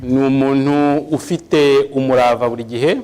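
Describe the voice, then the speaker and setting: A man's voice: medium pitch, fairly even intonation, moderate pace, a little mellow, big-room sound, low-quality recording. A man interpreting a church service phrase by phrase, with small hesitations. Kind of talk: live sermon interpreting.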